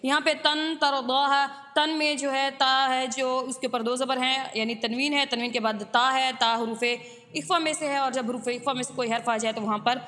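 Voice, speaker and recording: A woman teaching a tajweed lesson who recites Arabic verses slowly and drawn out, then explains the rules in brisk, steady speech. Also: high voice, long reverb tail. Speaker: Quran teacher.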